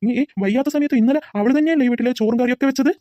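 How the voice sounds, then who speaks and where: A woman's voice: high voice, mellow, dry recording, natural voice. A woman voicing an earnest grown son in a cartoon, pleading and arguing with his mother. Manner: rapid, pleading argument. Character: adult son, earnest and pleading, defends sick wife. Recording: dull lo-fi recording.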